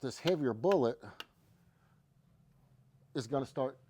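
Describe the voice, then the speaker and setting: A man hosting a casual livestream, talking in a folksy, relaxed way. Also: medium pitch, slow pace, slight background noise. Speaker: show host.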